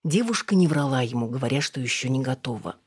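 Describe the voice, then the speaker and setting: A woman narrating an audiobook in an even, unhurried reading. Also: extremely low pitch, breathy edge, no room sound, clean studio sound. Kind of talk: scripted narration.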